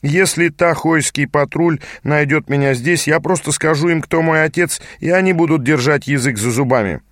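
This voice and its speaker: A man's voice: fairly high pitch, normal speed, fairly bright tone, no echo, studio quality, voice pushed up, lightly acted. A man voicing a lazy, insolent young man, an officer's son, drawling in an audiobook reading. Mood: cocky.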